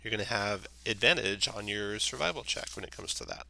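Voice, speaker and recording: A man's voice: on the low side, a little fast, vocal fry, crowd noise, low-quality recording. A man acting as game master, narrating and refereeing a tabletop game.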